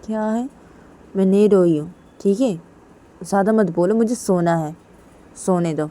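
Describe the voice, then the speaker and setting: A woman's voice: mid-range voice, unhurried, mellow, close to an everyday voice. A woman voicing a weary young woman who curtly brushes off her partner's concern. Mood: dismissive. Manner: curt, dismissive.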